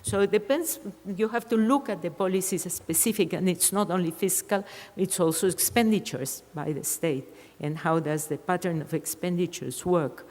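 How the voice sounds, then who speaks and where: An older woman gives an academic lecture answer. Her voice sits a little low, and she thinks aloud, restarting and repeating words as she goes. The sound carries the long reverb of a lecture hall. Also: moderate pace, darkish tone. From Argentina.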